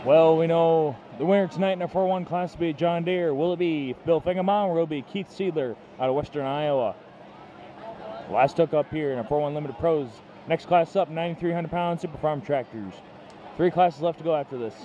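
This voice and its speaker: A man's voice: fairly high pitch, brisk, warm tone. A man announcing a live tractor pull in clipped phrases. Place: outdoors at a tractor pull track. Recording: dull outdoor PA with background noise.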